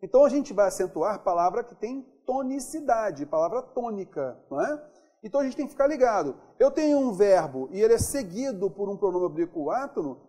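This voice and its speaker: A Brazilian man teaches grammar in a high, mellow voice. His pitch swings widely as he drags out sample words one by one. He keeps checking that his students are following. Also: breathy edge. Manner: stretches out example words slowly, checks in with listeners often. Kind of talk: classroom lesson on accent rules.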